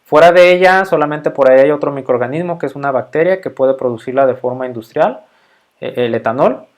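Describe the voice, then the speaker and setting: A man's voice: medium pitch, a little fast. A middle-aged Mexican man with a Mexican Spanish accent, giving a casual microbiology lecture full of fillers and frequent check-ins with his students.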